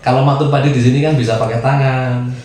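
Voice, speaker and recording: A man's voice: medium pitch, quick pace. A man from Central Java telling a long personal story in casual chat, acting out the people in it with changing voices. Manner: animated storyteller, voices the people in his tale. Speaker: guest storyteller. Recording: echoey room with noise.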